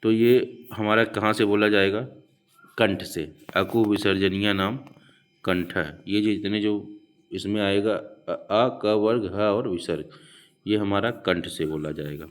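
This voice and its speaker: A male teacher explaining Hindi grammar for an exam, slowly repeating each rule and its mnemonic for his students. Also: lowish voice, steady tone. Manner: slow, repeats mnemonics aloud. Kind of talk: exam prep lecture.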